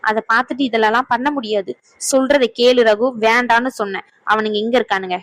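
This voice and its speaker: A woman's voice: fairly high pitch, steady tone, a little fast, lightly acted, low-quality recording. A woman voicing a worried, reproachful young woman in a cartoon who lectures and scolds her friend. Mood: scolding. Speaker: voice actor. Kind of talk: cartoon dub acting.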